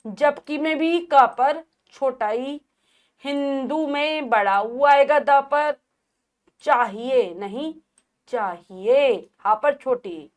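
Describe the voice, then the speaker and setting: A woman teaches grammar to young pupils in an unhurried voice. She sits a little high in pitch and repeats key words slowly, stressing the correct form, in a patient classroom manner. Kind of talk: grammar lesson for children.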